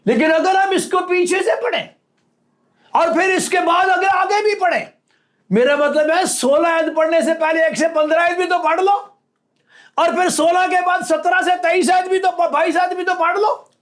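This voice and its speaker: A man's voice: very high-pitched, moderate pace, a bit bright. A man preaching a sermon, teaching by example and acting out quoted lines with rising emphasis.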